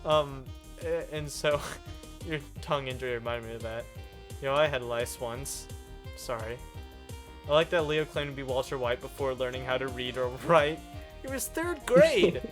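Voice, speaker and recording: A teenage boy talks casually on a game stream, quick to joke and laugh through his stories. His voice sits at a middle pitch, and soft music plays quietly underneath. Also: animated. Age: teens. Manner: joking, laughs often. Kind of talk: casual chat while gaming.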